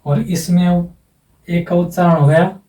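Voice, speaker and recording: A man's voice: high voice, fairly even intonation, a little slow, warm tone. A male teacher giving an exam-prep lesson, patiently explaining and repeating himself, stretching out the example sounds he demonstrates. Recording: echoey room, mic at a distance.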